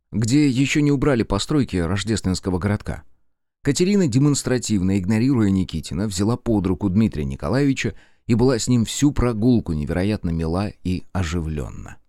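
Expressive male audiobook narrator, low and mellow. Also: dry recording, studio quality. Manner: expressive storytelling.

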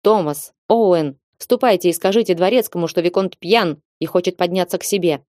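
Woman narrating as a firm authoritative lord, clipped steely speech, dark low voice, dry. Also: moderate pace, dry recording, lightly acted. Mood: commanding. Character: commanding male lord, steely then gentle.

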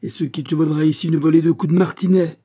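A man voicing an irascible, pompous old priest schoolmaster who shouts in indignation. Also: fairly high pitch, moderate pace, slightly rough, voice pushed up. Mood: furious. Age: older.

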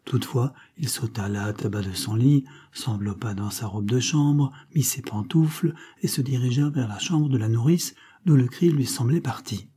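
Dark husky male audiobook narrator. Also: mid-range voice, moderate pace, few pauses. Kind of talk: scripted narration.

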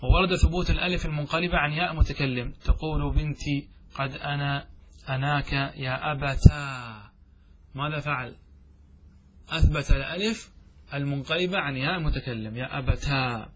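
A man's voice: fairly high pitch, a bit bright, slight background noise. Man teaching grammar, asks and answers himself. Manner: asks questions then answers them himself, chants verses slowly. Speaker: sheikh teaching Arabic grammar. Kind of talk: classroom lesson explaining verse.

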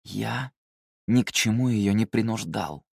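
A man's voice: fairly low pitch, a little slow, vocal fry, breathy edge, no room sound, clean studio sound, voice pushed up, heavily acted. A man reading the lines of a weary, stern rebel leader, terse and firm.

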